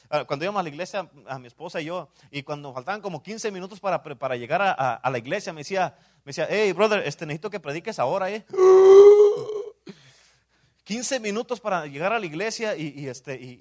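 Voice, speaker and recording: A man with a Mexican Spanish accent preaching a sermon in church, dropping to hushed asides and rising to loud exclamations, often saying amen. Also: high voice. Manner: swings between hushed asides and loud exclamations, repeats "amén".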